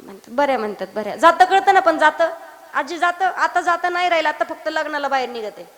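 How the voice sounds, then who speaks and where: A woman from Maharashtra, preaching a kirtan sermon and teasing her listeners with acted dialogue and loud outbursts. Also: high-pitched, animated, quick pace, a little hiss or hum. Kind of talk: Marathi kirtan sermon with sung verses. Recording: reverberant hall.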